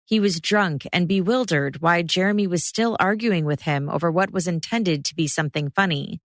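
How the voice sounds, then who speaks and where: Female podcast host, low voice, measured narration, dry close recording. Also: no echo. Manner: measured, steady recap. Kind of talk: scripted true-crime narration.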